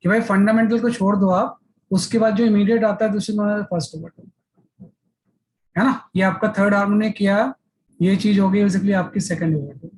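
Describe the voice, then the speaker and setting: Physics teacher explaining step by step. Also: male voice, sits high, fairly even intonation, normal speed, darkish tone, a little hiss or hum, low-quality recording. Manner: explains step by step, repeats filler "है ना". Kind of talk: classroom lecture.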